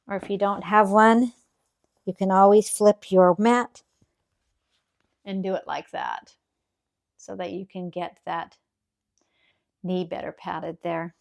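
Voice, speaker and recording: A woman teaching yoga as a calm guided grounding exercise, gently and encouragingly instructing. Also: mid-range voice, takes it slowly, gravelly, long pauses.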